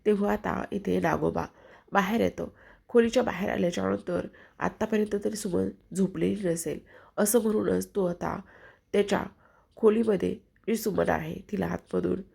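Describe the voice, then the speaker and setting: A woman recounts a serial's scenes in a running, chatty present tense. Her voice is low and husky, with a gravelly edge. She takes on each character's lines herself. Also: darkish tone. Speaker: serial recap narrator. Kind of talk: casual storytelling recap.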